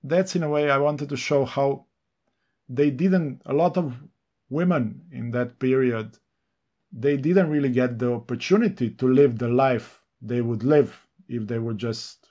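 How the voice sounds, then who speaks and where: His voice is mid-range and warm, heard on lo-fi audio. He's a male novelist from Slovenia, a native Serbo-Croatian speaker, giving reflective interview answers in English punctuated by plenty of pauses, fillers and restarts.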